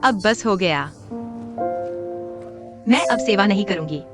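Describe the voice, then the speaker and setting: A woman's voice: medium pitch, lively intonation, slow. A woman dubbing a frustrated young office worker in a TV drama, bitter and defensive. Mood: despairing. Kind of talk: Hindi dub of a TV drama. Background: music.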